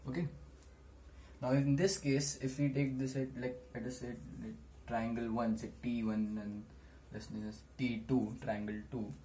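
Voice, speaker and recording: A young man teaching maths at a whiteboard in a small room, explaining deliberately in short steps. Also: mid-range voice, flat delivery, dark tone. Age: teens to young adult. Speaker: maths tutor. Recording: noisy small-room camera recording.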